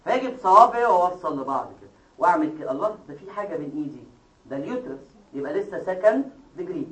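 Fast-talking Egyptian lecturer in an echoey hall. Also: male voice, high-pitched, animated, fairly bright tone, far from the mic. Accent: Egyptian Arabic. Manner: explains step by step, quizzing students with quick questions. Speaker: medical lecturer. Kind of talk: classroom lecture. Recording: echoey hall, taped from afar.

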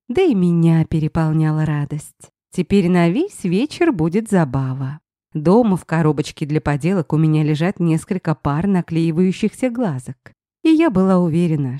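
A woman reading a first-person story aloud with expressive storytelling. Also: low voice, no room sound, studio quality. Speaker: audiobook narrator.

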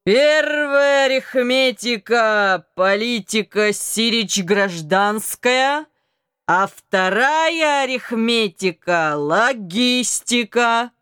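A woman reading an audiobook, voicing a drunk, rowdy young male naval cadet who shouts hoarsely and chants in a slurred sing-song. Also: mid-range voice, extremely slow, no room sound, studio quality. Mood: drunken bellowing.

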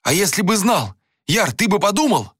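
A man's voice: sing-song, normal speed, breathy edge, no room sound, clean studio sound, exaggerated voice. A man doing a frantic pleading young friend. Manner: pleading, frantic, shrill when shouting. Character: anxious young man, the hero's loyal friend.

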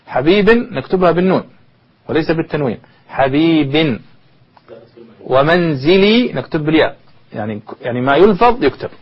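Brisk male lecturer, husky and a bit high, keeps firing questions at the class. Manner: quizzes listeners with rhetorical questions. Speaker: university lecturer. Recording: dull lo-fi recording.

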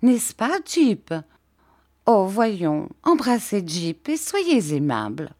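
A woman's voice: wildly swooping pitch, slow pace, a little mellow, heavily acted. Woman doing a pouting childish young woman. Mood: pleading. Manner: pleading, pouting, high and breathy.

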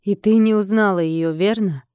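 A woman reading an audiobook and voicing a cold, commanding male mage lord who speaks in a calm, businesslike way. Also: mid-range voice, normal speed, smooth, no echo, clean studio sound, natural voice.

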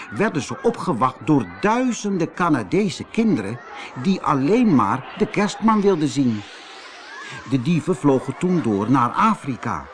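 Narrating a scripted fairy tale for children, this Dutch-accented man from the Netherlands uses a lively storyteller's delivery. His pitch is fairly high, with slight noise in the background.

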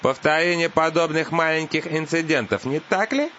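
A man's voice: fairly high pitch, moderate pace, pushed and bright, slight background noise, pitched above the performer's own voice. A man voicing a scheming male lawyer who talks in a sly, coaxing way. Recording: dull lo-fi audiobook.

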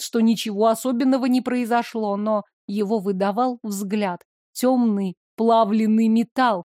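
A woman's voice: fairly high pitch, a little mellow, dry recording, clean studio sound. A woman narrating a first-person novel as an audiobook reader, telling it steadily.

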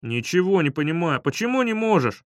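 A man voicing a cocky schoolboy friend in an audiobook, brisk and teasing. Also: on the high side, big pitch swings, dry recording. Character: cocky schoolboy friend Vitka, hiding in bathroom. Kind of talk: audiobook reading.

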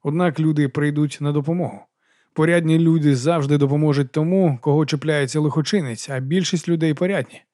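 A man narrating an audiobook with steady storytelling delivery. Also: on the high side, fairly quick, no echo, clean studio sound. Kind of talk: scripted narration.

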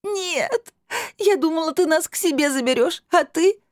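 A woman's voice: mid-range voice, expressive, moderate pace, darkish tone, breathy edge, no room sound, studio quality, voice pushed up. A woman reading an audiobook voices a stubborn teenage girl who wails and talks nasally through her sobs. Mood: tearful. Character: sobbing stubborn teenage girl, sulky then eager.

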